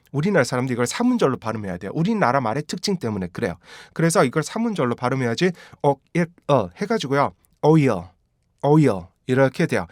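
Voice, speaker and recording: A man's voice: medium pitch, dry recording, clean studio sound. Man teaching pronunciation with many repetitions. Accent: Korean. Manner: repeats model words over and over, asks rhetorical questions. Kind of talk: pronunciation lesson.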